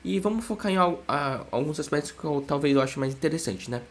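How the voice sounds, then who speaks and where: A man's voice: a little high, expressive, a little fast. A young man, a psychologist giving a casual explanatory lesson, full of "né?" checks with his listeners. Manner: chatty, constant "né?" tag questions.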